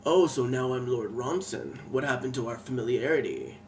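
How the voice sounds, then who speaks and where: A man's voice: medium pitch, animated, normal speed, recorded from a distance, a little hiss or hum, close to an everyday voice. A man doing a smirking sinister lord. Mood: sneering. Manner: mock-innocent, sneering.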